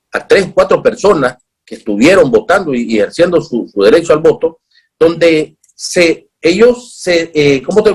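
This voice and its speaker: A man's voice: a little high, husky. A man hosting a TV talk show, formal and emphatic, often restarting his phrases. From Nicaragua.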